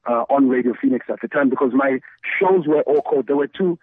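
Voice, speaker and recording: A middle-aged Zambian man from the Copperbelt, a radio DJ and station founder, tells his story conversationally as an interview guest over a remote call. His mid-range voice is slightly rough and he talks fast. The line sounds thin and phone-like, with no room sound.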